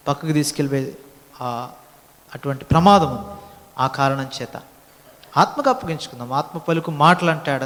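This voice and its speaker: A man's voice: fairly high pitch, fairly bright tone. A man preaching a sermon at a prayer meeting, swelling into emphatic lines and asking the listeners questions. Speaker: pastor. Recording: long hall reverb.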